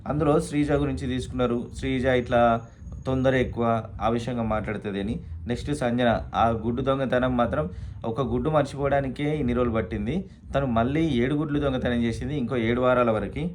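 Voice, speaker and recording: A man talks through a reality show episode in a relaxed, chatty way. His pitch sits in the ordinary middle range for a man, and he often pauses on fillers and slips English words into his sentences. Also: slight background noise. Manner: conversational, with frequent fillers and English words mixed in. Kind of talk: casual spoken recap.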